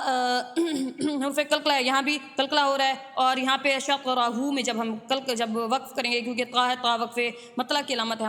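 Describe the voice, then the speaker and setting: A woman teaching a tajweed lesson who recites Arabic verses slowly and drawn out, then explains the rules in brisk, steady speech. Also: high-pitched, long reverb tail. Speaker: Quran teacher.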